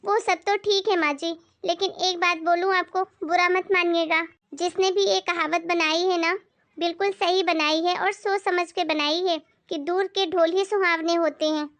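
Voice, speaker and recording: A woman voicing a dutiful young daughter-in-law in an animated family skit, respectful and soft-spoken. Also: very high-pitched, moderate pace. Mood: polite.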